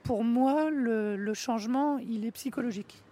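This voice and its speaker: A man with a morphing, high unbroken voice, reflecting haltingly on himself and searching for his words. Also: mellow. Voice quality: high-pitched voice like an unbroken boy's. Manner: morphing voice, able to switch between two voices. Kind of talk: reflective personal testimony.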